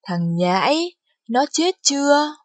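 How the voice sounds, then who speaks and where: Woman voicing a cold menacing dark lord. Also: high-pitched, big pitch swings, no room sound, pitched above the performer's own voice, exaggerated voice. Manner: slow, commanding, menacing.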